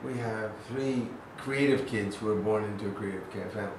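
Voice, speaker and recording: A man in his forties, a guest in a casual interview, telling stories with lively acted-out quotes and frequent laughter. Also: lowish voice, fairly quick, far from the mic. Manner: animated storyteller who acts out quotes loudly and laughs often. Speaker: interview guest, actor and father. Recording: echoey room, voice from off-mic, noisy background.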